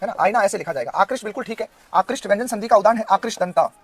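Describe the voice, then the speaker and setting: A man in his thirties with a Rajasthani Hindi accent, teaching an online exam-prep Hindi class and firing quick questions at his students. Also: sits high, expressive. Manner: drilling students with quick questions, loud and insistent.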